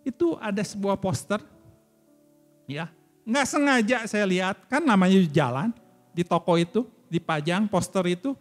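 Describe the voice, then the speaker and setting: A middle-aged man, preaching a sermon as a church elder and telling his own story with emotional, fervent swells. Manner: emotional storytelling, rising to fervent high peaks. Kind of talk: sermon with personal testimony.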